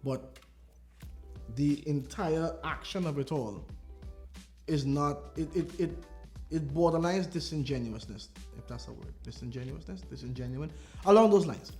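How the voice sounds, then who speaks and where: Brief: male podcast co-host, lively storyteller with a fairly high voice, faint music behind. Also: measured pace. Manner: animated, laughing, retells stories with acted voices. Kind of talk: casual podcast chat.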